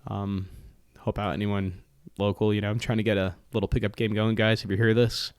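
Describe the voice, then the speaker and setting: With a low-ish, smooth, flat and brisk delivery, a young man whose first language is Italian chats and jokes casually with lots of fillers. He is a restaurant owner appearing as a podcast guest, and the studio recording is dry and clean.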